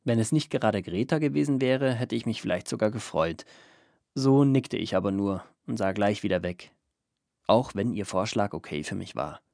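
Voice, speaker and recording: A man with a low, gravelly voice reads a first-person story aloud. His delivery is calm and even, and the sound is dry and close, with no room around it. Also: normal speed, dry recording. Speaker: audiobook narrator.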